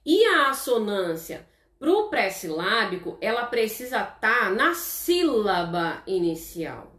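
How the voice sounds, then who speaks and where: A woman's voice: mid-range voice, big pitch swings, fairly bright tone, reverberant. A Brazilian woman teaching a live online class. She explains patiently and keeps checking in with her viewers. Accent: Brazilian Portuguese. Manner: slow, explanatory, chatty with viewers, many "tá?" checks.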